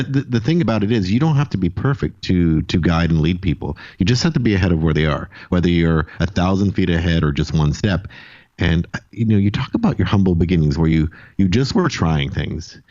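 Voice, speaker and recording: A man's voice: low voice, lively intonation, a little fast, darkish tone, dry recording, dull audio. A man hosting an interview, reflecting on and affirming what his guest says before he asks the next question. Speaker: podcast host. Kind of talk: conversational interview.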